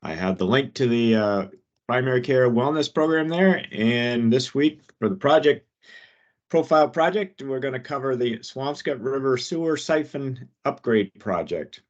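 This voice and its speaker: A man hosting a work safety meeting over a video call, reading updates in a plain, steady way with some hesitations. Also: mid-range voice, moderate pace, highs cut off. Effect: heard over a video call.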